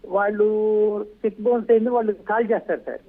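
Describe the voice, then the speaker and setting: A man calling in by phone, distressed and halting, heard over a tinny phone line. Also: sits high. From Andhra Pradesh. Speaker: caller. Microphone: phone call.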